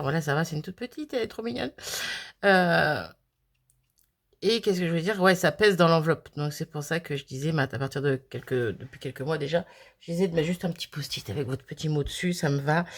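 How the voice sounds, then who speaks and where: A chatty woman from France who vlogs about crafting, casually showing swapped cards and laughing at her own slips. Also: medium pitch. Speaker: crafting vlogger.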